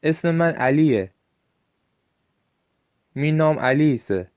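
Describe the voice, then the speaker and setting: A man with a Gilaki accent giving a recorded language lesson, saying short phrases slowly and clearly for listeners to repeat. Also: fairly high pitch, lively intonation, a little mellow. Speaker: language teacher.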